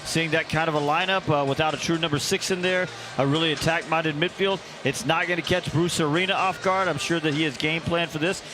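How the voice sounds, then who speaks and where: A male color commentator with a fairly high voice, speaking in a folksy, easygoing way. He pauses often with fillers as he thinks through his analysis, and music plays softly behind him. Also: steady tone. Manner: folksy, unhurried, frequent "uh" fillers. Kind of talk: radio sports analysis. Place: stadium broadcast booth.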